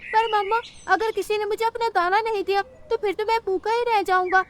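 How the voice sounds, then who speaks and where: A woman's voice: extremely high pitch, steady tone, a little fast, slight background noise, voice pushed up. A woman voicing a brash, bullying young male crow in a cartoon who talks rudely and boastfully. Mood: pleading. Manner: rude and boastful.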